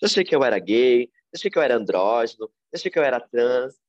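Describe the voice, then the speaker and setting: A man with a Brazilian Portuguese accent tells a personal story as a podcast guest, mid-pitched and reflective. His voice leaps up and down as he gets caught up in the telling. The audio is a little dull and lo-fi. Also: quick pace, no room sound. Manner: animated, reflective storyteller with big pitch swings.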